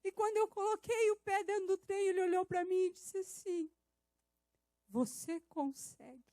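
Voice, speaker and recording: A woman's voice: extremely high pitch, level tone, brisk, warm tone, no echo. A woman preacher giving a testimony in a sermon, telling a story and building to emphatic preaching. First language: Portuguese.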